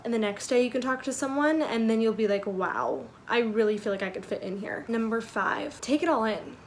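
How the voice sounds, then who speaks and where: Woman in her twenties, higher-pitched voice, casual advice vlog, conversational, lots of filler "like", noticeable room noise. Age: 20s. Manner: conversational, peppered with "like" and "you know". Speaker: vlogger giving sorority recruitment advice. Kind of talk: casual chatty advice talk to camera. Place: small furnished bedroom, indoors. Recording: clear background room noise.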